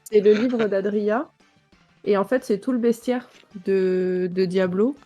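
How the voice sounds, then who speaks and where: A woman's voice: medium pitch, steady tone, takes it slowly, mellow, soft background music. A woman guest chatting enthusiastically on a video call. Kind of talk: casual video-call chat.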